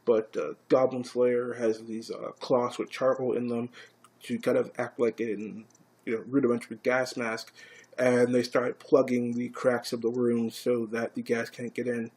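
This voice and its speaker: A man casually recapping and reviewing an anime episode, swearing freely and growing excited. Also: mid-range voice, measured pace, slightly rough. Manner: casual, profane, grows excited.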